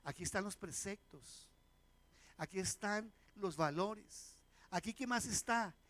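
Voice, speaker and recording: This is a man preaching. His voice sits high for a man. He keeps asking the congregation questions and acts out the people in his anecdotes. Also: unhurried, fairly bright tone. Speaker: pastor. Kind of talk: sermon. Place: church sanctuary.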